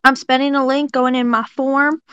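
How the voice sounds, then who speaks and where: A woman's voice: high-pitched, flat delivery, moderate pace, a bit bright, clear, resonant tone, dry recording, muffled recording. A woman playing a tabletop game, chatting and describing her character's moves. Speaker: player. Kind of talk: casual tabletop play.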